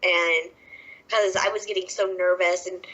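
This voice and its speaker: A Southern US woman in her twenties, a wrestler, speaks emotionally as a guest on a casual podcast interview and laughs often. Her voice is fairly low with little pitch movement, a bit slow, and pushed and bright. The podcast audio sounds dull and lo-fi.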